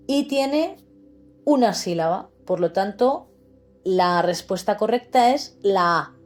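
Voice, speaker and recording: A woman with a Spanish accent from Spain teaching a slow, patient literacy lesson, spelling words out syllable by syllable. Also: mid-range voice, darkish tone. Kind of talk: explaining grammar lesson.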